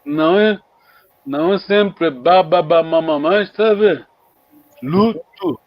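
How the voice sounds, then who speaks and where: A man leads an online language lesson, sounding out each word slowly and patiently. His voice sits a little high. The audio is muffled and lo-fi, as over a call. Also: no echo, faint music behind. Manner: patient, repeats words slowly for students. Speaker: language teacher.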